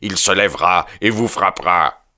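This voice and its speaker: Guy doing a smug rich young heir in a storybook, deep, sure of himself. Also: steady tone, moderate pace, sharp tone, clear, resonant tone. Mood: self-assured. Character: young man, rich heir, self-satisfied.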